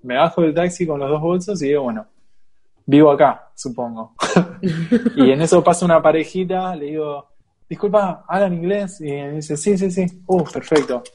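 A young Argentine man with a Rioplatense accent, casually telling a lively travel anecdote, laughing often and acting out the people in his story. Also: on the high side, moderate pace, slightly rough. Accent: Rioplatense Argentine Spanish. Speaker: guest storyteller.

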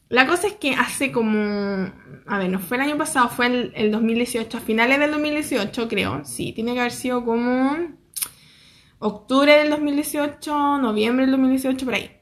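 A young Chilean woman with a Chilean accent, telling a story to her viewers in a lively, slangy way and acting out what people said. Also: sits high. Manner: animated, laughing, slangy, acts out quotes. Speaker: vlogger.

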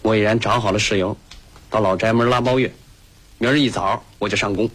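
An actor playing a stubborn, taciturn young laborer who speaks in short, sullen lines, in a radio drama. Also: male voice, lowish voice, fairly even intonation, fairly quick, fairly bright tone, breathy edge. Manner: terse, sullen, few words.

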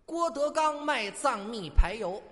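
Male lead comic for stage crosstalk: high, animated, cocky and teasing, in a reverberant hall. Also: a little slow. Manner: boastful, teasing, mock-serious.

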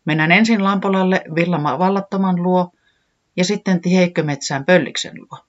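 A storyteller voicing a calm, kind forest creature who speaks in a soothing, thoughtful way, in a dull lo-fi recording. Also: medium pitch, voice pushed up, lightly acted. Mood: steady. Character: calm caring forest friend, kind and steady.

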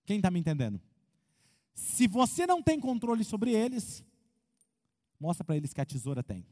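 A Brazilian man preaching as a pastor, animated, asking the crowd questions and acting out quotes. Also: high-pitched, moderate pace. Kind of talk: lively sermon with humor. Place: church hall. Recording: long hall reverb.

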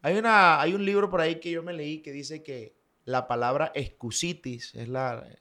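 A man, speaking as a singer who is the guest in a relaxed interview. He tells anecdotes in an animated way, breaking into sound effects and acted snippets of dialogue. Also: on the high side, moderate pace. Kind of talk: casual storytelling interview.

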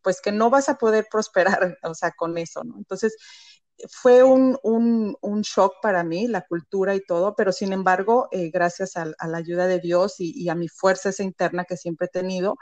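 A woman with a Mexican accent, founder of a business, reflects aloud as a guest in a conversational interview, sprinkling her speech with "eh" and "¿no?". Her voice is medium-pitched, a little mellow, and dry, at a normal speed.

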